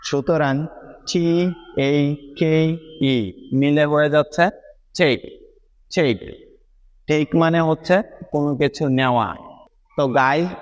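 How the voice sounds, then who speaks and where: A young man explains a lesson step by step to his students, in a voice sitting a little above the usual male pitch. He is patient and keeps checking that everyone is following along. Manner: patient, checks understanding with the viewers. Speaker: English teacher.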